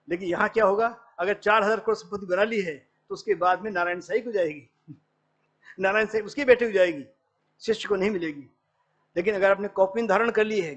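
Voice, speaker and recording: High-voiced man lecturing, lo-fi. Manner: explains patiently, quotes Sanskrit verses, mixes in English words. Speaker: professor lecturing on astrology. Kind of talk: academic lecture. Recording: dull lo-fi lecture recording.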